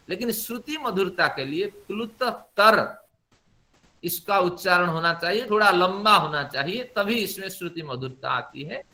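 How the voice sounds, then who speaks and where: Middle-aged male recitation teacher, bright, fairly high voice, patient step-by-step explaining with chanted demonstrations. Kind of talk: spoken Sanskrit pronunciation lesson.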